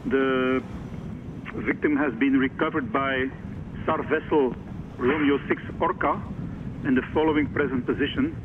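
A man working as a coast guard radio operator, speaking over a marine radio in formal call procedure, reading out coordinates in a measured way and closing each message with "over". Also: mid-range voice, fairly even intonation. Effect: marine radio transmission. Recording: muffled radio with clear static noise.

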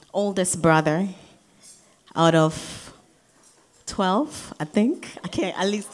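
A woman giving a wedding toast as the groom's sister, preaching and building to shouted declarations in a reception hall. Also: fairly low pitch.

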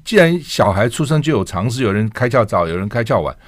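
An older man with a Taiwanese Mandarin accent hosting a radio interview show, asking questions in a quick talk-show manner. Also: medium pitch, very animated.

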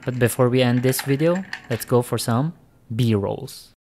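Male gadget reviewer, friendly and casual, addresses viewers directly, medium pitch, music running underneath. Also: a little slow, darkish tone. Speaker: tech reviewer. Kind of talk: product review narration. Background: background music.

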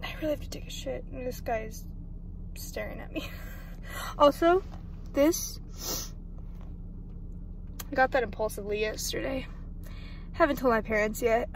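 Sitting in a parked car at night, this eighteen-year-old woman chats through a casual vlog, poking fun at herself and swearing freely. Her high, creaky voice moves at a moderate pace with long pauses. A little hiss or hum comes through the phone camera, which is held or propped close.

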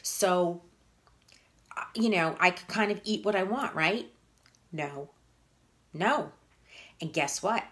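A woman's voice: on the low side, expressive, slow pace, long pauses, fairly bright tone. A woman in her fifties, a fitness and nutrition coach, giving blunt, emphatic motivational talk to viewers on a live stream. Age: 50s. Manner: blunt, emphatic, repeats points for punch.

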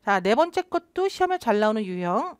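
A woman's voice: a little high, a little fast, clear, resonant tone, no room sound, studio quality. A woman teaching an English test-prep lesson online, explaining phrases and drilling them aloud. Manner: explains and drills phrases, lively rising and falling delivery. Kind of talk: online lecture.

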